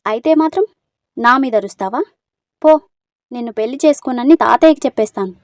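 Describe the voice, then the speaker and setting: A woman voicing a spirited, sulky young village woman in a storybook reading, answering with sharp retorts. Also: fairly high pitch, brisk, no room sound, natural voice.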